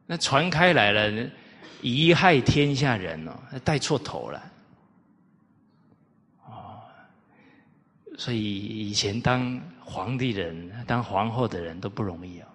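Man lecturing on old classics, slow and lively, goes up and down a lot, long echo. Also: on the low side, breathy edge. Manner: animated, rhetorical questions to listeners. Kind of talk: storytelling lecture. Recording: reverberant hall.

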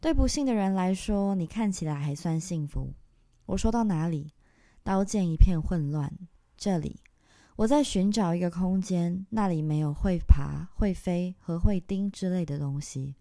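Low, warm-toned woman, dramatic stage reading, intense and halting. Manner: intense, halting delivery in short broken phrases; long breathless list, spoken low and soft.

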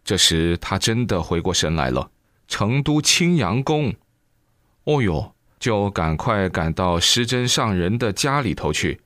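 A man with a fairly low voice reads a Buddhist book aloud, telling it as a lively story full of exclamations. The sound is dry and close, with no room around it. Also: unhurried, dry recording. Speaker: reader.

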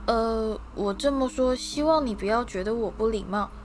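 A woman's voice: on the high side, normal speed, a little hiss or hum, lightly acted. Woman playing a nervous, polite boy wizard. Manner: hesitant, careful, polite.

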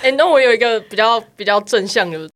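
A woman's voice: a little high, animated, quick pace, fairly bright tone. Young woman telling a candid story. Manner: candid storytelling, laughs often. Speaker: podcast co-host. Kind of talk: casual chat.

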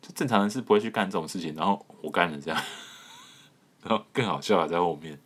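A man from Taiwan hosting a podcast, telling a comic personal story in an animated way and laughing often. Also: deep voice, fairly quick, husky. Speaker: podcast host.

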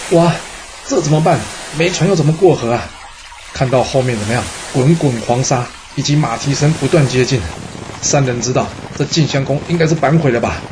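A male storyteller narrating history in a lively, exclamatory way with many drawn-out particles. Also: medium pitch, noisy background.

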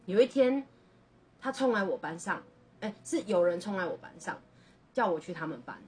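A woman's voice: medium pitch, animated, moderate pace, a little mellow, far from the mic. A young woman, a podcast co-host telling a personal story in an earnest, rambling way full of restarts.

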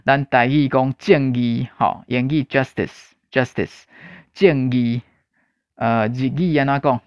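A man from Taiwan giving a casual spoken language lesson, unhurried and repeating his points, often ending lines with a tag particle. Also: medium pitch, smooth, no room sound. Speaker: language teacher. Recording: dull lo-fi dry recording.

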